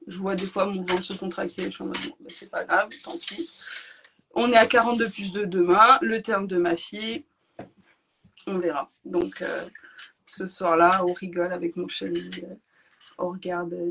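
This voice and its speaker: A woman guest on a podcast, telling her own story in a lively, emotional way and often laughing between phrases. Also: fairly low pitch, normal speed, creaky, a little hiss or hum. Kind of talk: personal storytelling.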